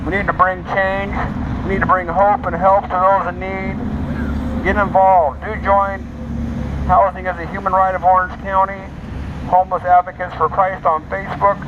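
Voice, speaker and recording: Street traffic and a dull, noisy megaphone surround this man's high, level voice as he speaks at a moderate pace. A homeless advocate, he exhorts listeners emphatically, leaning on religious appeals and chanting the same slogans again and again.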